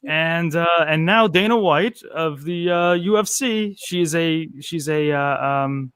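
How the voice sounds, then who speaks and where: A man's voice: fairly high pitch, takes it slowly, fairly bright tone, clear, resonant tone, no room sound. A man co-hosting a casual talk show, telling light news stories in a loose, chatty way with many fillers. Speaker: co-host.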